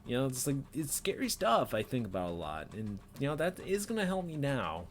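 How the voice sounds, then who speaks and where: His medium-pitched voice swings widely in pitch as this vlogger in his twenties talks briskly, rambling self-critically with nervous laughs and lots of fillers. The unedited clip, shot on a desk webcam in a small bedroom, carries a little hiss or hum.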